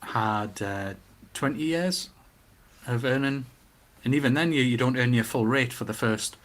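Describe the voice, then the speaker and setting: A middle-aged man with a Newcastle Geordie accent, chatting casually and giving his opinions in an animated way, with rhetorical questions. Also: medium pitch, measured pace. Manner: animated storytelling with acted-out quotes and rhetorical questions.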